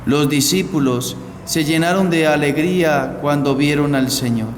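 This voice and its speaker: A priest reads the Gospel and preaches in an unhurried, measured voice pitched a little above the usual for a man. His words ring out under a cathedral echo with a long hall reverb. A faint hiss sits behind him. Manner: slow, measured liturgical delivery. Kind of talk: Pentecost homily and Gospel reading. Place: large church. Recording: echoey church hall, faint background hiss.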